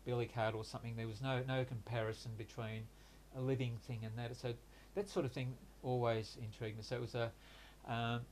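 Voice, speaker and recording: In this life-story interview, a man in his sixties looks back on his past, speaking with hesitation and frequent pauses and restarts. Hungarian is his first language; he comes from Hungary but grew up in Australia. His mid-range voice is flat and level, with slight noise in the background.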